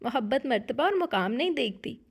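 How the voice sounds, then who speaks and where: A woman's voice: fairly high pitch, lively intonation, brisk, vocal fry, husky, exaggerated voice. A woman voicing an earnest young army major who talks dreamily about a girl. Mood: lovestruck.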